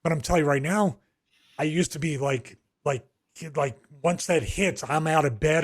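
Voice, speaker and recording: Rambling through lengthy stories in casual podcast chat, a middle-aged co-host from the Philadelphia area talks in an easygoing, conversational style. He restarts sentences often and uses many fillers, and his pitch is fairly high.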